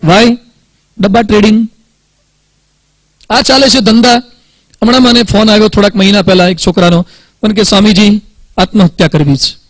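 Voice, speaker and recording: A man's voice: high voice, steady tone, normal speed, pauses often, no room sound, poor audio. A man with a Gujarati accent giving a motivational talk to students, telling stories and acting out dialogue, with English words mixed in.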